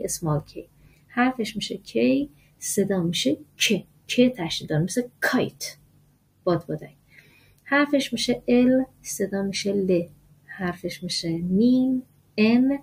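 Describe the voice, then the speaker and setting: A woman teaching English letter sounds in a lesson, explaining in Persian and saying each sound slowly and with stress. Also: mid-range voice, darkish tone, husky. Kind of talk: language lesson.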